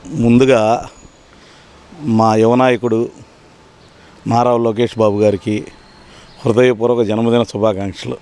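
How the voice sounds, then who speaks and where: A man's voice: mid-range voice, level tone, measured pace, long pauses, darkish tone. A man from the public, giving heated, sarcastic answers full of rhetorical questions in a political street interview. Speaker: member of the public giving his opinion.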